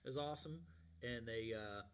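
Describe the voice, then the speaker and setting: A man's voice: medium pitch, normal speed, clear, resonant tone. A man hosting a live music show with casual, folksy, colloquial chat, heard in an echoey warehouse. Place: warehouse space. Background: guitar playing.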